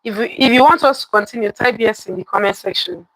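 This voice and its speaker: The low-quality, room-free recording captures a woman's fairly high, slightly bright voice moving at a quick pace. Hosting live storytelling, she shares a folktale with viewers interactively, repeating lines for emphasis and asking her listeners questions.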